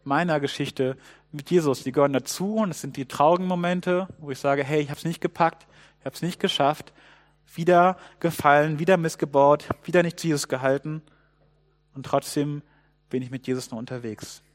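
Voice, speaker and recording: A man preaching a sermon, telling a Bible story with lively swings between loud outbursts and hushed asides. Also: fairly high pitch, normal speed.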